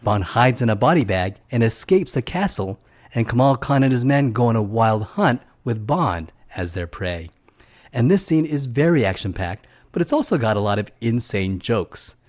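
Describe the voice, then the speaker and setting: A man's voice: medium pitch, expressive, moderate pace, a little mellow. Enthusiastic middle-aged man recapping a film. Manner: enthusiastic, chatty, personal asides. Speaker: film reviewer. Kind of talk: scripted film recap narration.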